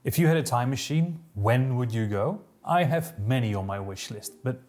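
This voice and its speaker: Lively, wry male history storyteller. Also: mid-range voice, moderate pace. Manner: wry, joking asides between read-out passages; reads old diary passages aloud. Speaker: history podcast host.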